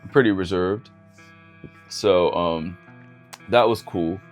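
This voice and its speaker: A man talking casually while working on vocals in a home studio, relaxed and self-deprecating. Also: low voice, slow, faint music behind. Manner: relaxed, self-deprecating, laughs at own attempts. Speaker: indie musician recording vocals. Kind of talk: casual vlog talk.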